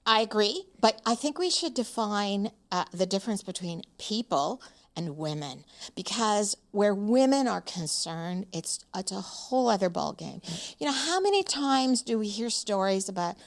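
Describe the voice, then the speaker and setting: A woman's voice: medium pitch, expressive, moderate pace. A woman in her seventies, a podcast interview guest, speaking frankly and emphatically with frequent "um" fillers. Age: 70s.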